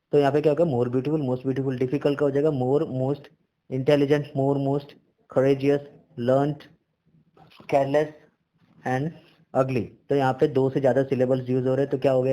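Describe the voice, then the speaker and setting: A man with an Indian English accent teaching a grammar lesson, reading English rules out slowly and then explaining them quickly in between. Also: mid-range voice, dark tone.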